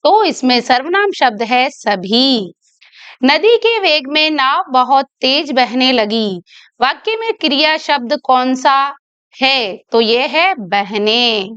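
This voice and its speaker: A woman's voice: sits high, lively intonation, slow pace, fairly bright tone, clean tone, no room sound, dull audio. A woman teacher working through an exam paper, patiently reading out each question and its options. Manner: patient, repeats questions, reads options aloud. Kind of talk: explaining exam answers.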